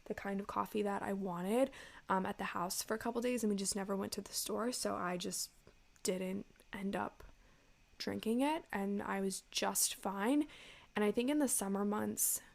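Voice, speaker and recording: An American woman talks casually to her podcast listeners in a mid-pitched voice. She sounds stuffy and congested with a cold, and her speech has a creaky fry. Her delivery is informal and chatty. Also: moderate pace. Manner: informal, chatty, addresses listeners as "you guys". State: sick with a stuffy nose. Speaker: podcast host.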